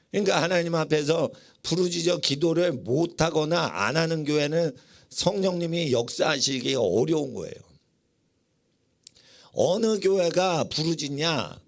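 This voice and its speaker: A male pastor giving a sermon in a church, emphatic, often asking the congregation questions and answering them himself. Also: fairly high pitch. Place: church sanctuary.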